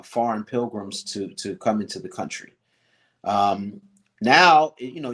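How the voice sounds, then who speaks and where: A middle-aged man, a guest, telling a long personal story in a casual interview, with frequent restarts and fillers and lively quoted lines. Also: fairly low pitch. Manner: rambling, many restarts and fillers, animated when quoting others.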